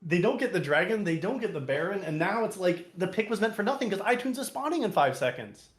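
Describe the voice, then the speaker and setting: A man's voice: sits high, very animated, quick pace, echoey room. A man giving analytical esports color commentary, critiquing team decisions. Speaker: esports caster.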